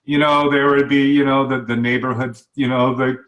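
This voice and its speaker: A man's voice: mid-range voice, flat delivery, a little fast, fairly bright tone, echoey room, lo-fi sound. A man hosting a radio interview show, chatting casually with lots of fillers and repeated words. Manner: conversational, with many fillers and repeats.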